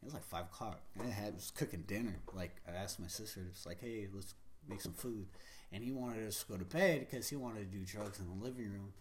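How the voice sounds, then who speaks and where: A man's voice: on the low side, fairly quick, slight background noise. An American man from the Pacific Northwest telling personal stories in casual conversation, candid, slangy and profane. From United States, Pacific Northwest. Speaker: guest.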